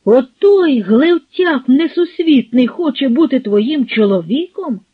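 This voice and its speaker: A woman's voice: mid-range voice, lively intonation, a little slow. A woman doing a determined young village man. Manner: firm, defiant. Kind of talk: audiobook character voice. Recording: husky, phone-like, dry.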